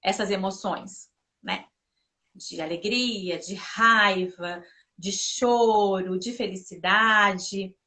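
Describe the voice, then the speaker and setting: A woman's voice: mid-range voice, slow pace, pushed and bright. A woman, a mother and guest, talking casually about parenting and often addressing the listeners directly. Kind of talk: casual conversational advice.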